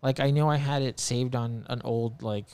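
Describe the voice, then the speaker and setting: A man's voice: mid-range voice, steady tone, moderate pace, darkish tone, smooth, no echo. A man telling a story as a podcast guest, rambling and full of filler words, swearing a lot, earnest and emphatic. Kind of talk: casual chat.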